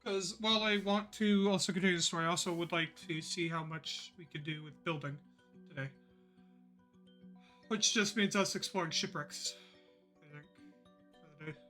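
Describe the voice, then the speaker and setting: A man's voice: high voice, moderate pace, long pauses, bright, forceful tone, faint music behind. A man streaming live, chatting casually and rambling with many fillers, a bit out of breath.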